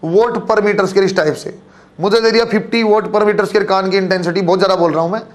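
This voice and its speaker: A man's voice: high voice, fairly even intonation, fairly quick. A male physics teacher with a Haryanvi Hindi accent, giving a classroom lecture and calling his students "kids" as he checks they follow. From Haryana, India. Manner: addresses students as kids, frequent check-ins.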